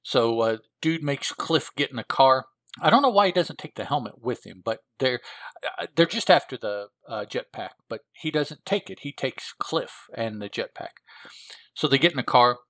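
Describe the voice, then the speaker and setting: A man's voice: mid-range voice, animated, moderate pace, fairly bright tone, dry recording. Rambling man retelling a comic plot. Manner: rambling, with frequent filler words and self-corrections. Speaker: comic book reviewer.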